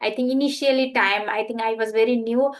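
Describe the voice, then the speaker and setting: Chatty woman from Nepal, higher voice. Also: fairly even intonation, brisk. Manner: chatty, fillers like you know. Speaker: conversation partner. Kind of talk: conversation practice call.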